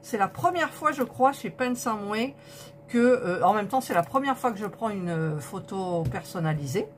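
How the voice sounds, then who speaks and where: A woman's voice: mid-range voice, lively intonation, moderate pace, a little hiss or hum. A woman vlogger unboxing a diamond painting kit, indignant and disappointed, counting colour numbers aloud to her viewers. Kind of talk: unboxing vlog, talking to viewers.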